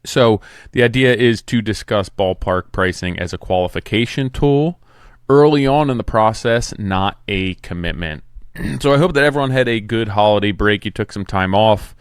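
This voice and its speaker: Plainspoken man in his forties, clear dry voice. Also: fairly low pitch, moderate pace, no echo. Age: 40s. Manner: plainspoken, conversational, some restarts. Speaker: podcast host, home builder. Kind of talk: casual solo podcast talk.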